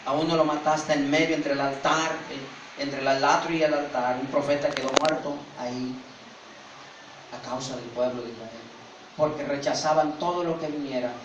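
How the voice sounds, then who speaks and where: Brief: preacher as Jesus, a sorrowful male teacher, quiet and mournful, heard from far in an echoey room. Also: fairly even intonation, moderate pace, background noise, natural voice. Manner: low, soft and mournful. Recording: very echoey, from a distant mic.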